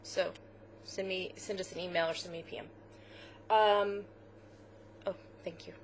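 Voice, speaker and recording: A woman co-hosts a knitting podcast in a casual, chatty style full of fillers, and at times she sounds close to tears. Her voice is on the low side with fairly even intonation and a moderate pace, with slight background noise.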